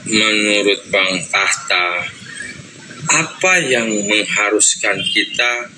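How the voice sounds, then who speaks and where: A low-voiced man asks his question politely and with some hesitation. Steady background noise sits under his voice. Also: slow. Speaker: caller asking a question.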